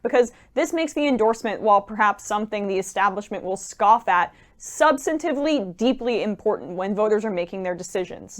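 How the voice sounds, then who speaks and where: Woman host reading scripted commentary. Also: mid-range voice.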